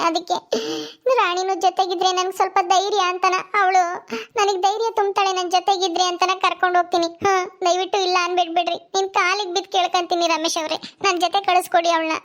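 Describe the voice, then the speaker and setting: A woman's voice: very high-pitched, fairly bright tone. A woman voicing a tearful young village wife who begs her neighbours for help. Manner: pleading, sobbing.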